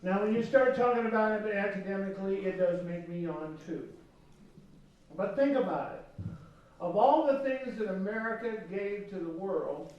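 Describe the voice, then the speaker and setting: A middle-aged man from California telling students lively, emphatic stories in a spoken school presentation. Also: sits high, muffled recording. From West Sacramento, California. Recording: echoey room from far off.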